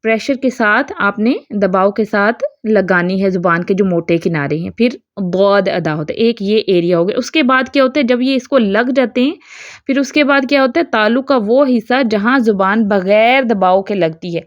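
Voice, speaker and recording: A woman teaching Quran pronunciation, explaining a diagram, often checking in and demonstrating sounds slowly over and over. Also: medium pitch, no echo, dull audio. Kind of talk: tajweed lesson explaining a diagram.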